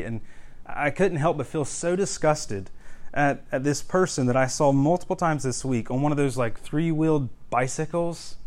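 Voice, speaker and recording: A young man preaching a sermon in a conversational way, with humor and frequent word restarts. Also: medium pitch. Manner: conversational, self-deprecating humor, repeats words when restarting.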